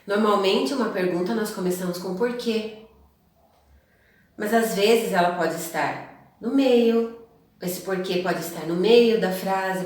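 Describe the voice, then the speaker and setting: A woman teacher, explaining slowly and deliberately to children in a lesson. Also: mid-range voice. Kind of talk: classroom lesson. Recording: very echoey room, voice far from the mic.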